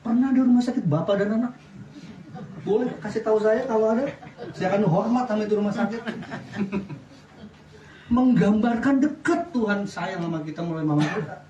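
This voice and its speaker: A middle-aged man preaching a sermon as pastor, lively, often asking the congregation questions. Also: high-pitched, fairly quick, long pauses, a crowd in the background. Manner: lively preaching with wide swings in loudness, asks the congregation questions. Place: church. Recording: echoey church sound from a distance.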